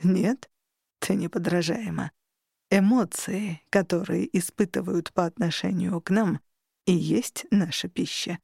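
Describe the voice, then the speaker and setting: A woman's voice: a little slow, gravelly, darkish tone, slightly rough, no echo, studio quality, exaggerated voice. A woman voicing a hissing male incubus. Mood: menacing. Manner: hissing, low and menacing.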